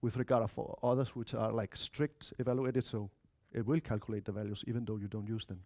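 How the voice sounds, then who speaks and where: A Danish-accented man in his thirties, a software developer speaking at a conference, gives a relaxed technical talk in a lecture room, chatting and throwing asides to the audience. His voice is lowish, mellow and level, moving a little fast. He's from Denmark or Spain, with mixed Spanish-Danish family roots.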